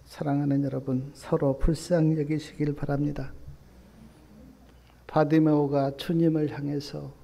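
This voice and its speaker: A male pastor preaches in a fairly high, mellow voice. He drops to soft, low asides, then rises to loud, emphatic appeals. His voice carries a long reverb from the church hall. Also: little pitch movement, measured pace, creaky. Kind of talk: sermon.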